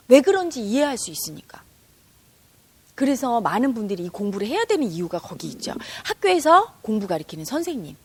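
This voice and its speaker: A woman teaching meditation in a spiritual talk to an audience, expressive and acting out the dialogue she quotes. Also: on the high side, breathy edge.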